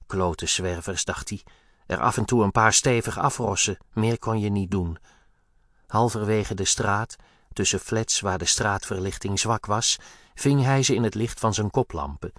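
A man reading a tense, dark story aloud in measured scripted narration. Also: lowish voice, no room sound, studio quality. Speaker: audiobook narrator.

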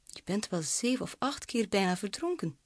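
A woman's voice: mid-range voice, very animated, moderate pace, dry recording, studio quality. Woman voicing a kindly father bat. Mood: fond. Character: older male father bat, kindly and cautious.

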